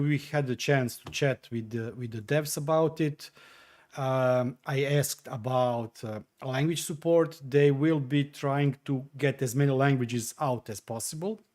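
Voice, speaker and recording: Here a talkative livestream host, whose native language is Croatian, chats from home and replies to what viewers write. He has a medium, somewhat mellow voice and keeps stumbling into fillers and restarts, sounding unsure while he tinkers.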